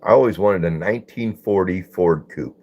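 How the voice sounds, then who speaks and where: A man's voice: sits low, normal speed, warm tone. An older man hosting a live stream, chatting in a folksy way and greeting viewers by name as he reads their comments. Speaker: livestream host. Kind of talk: casual live-stream chat reading comments.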